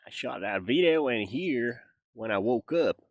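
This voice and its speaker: This Finnish vlogger has a mid-range voice with lively intonation and speaks a little slowly, captured in a dry recording. He talks English with a Southern American twang, rambling casually through a jokey monologue packed with fillers.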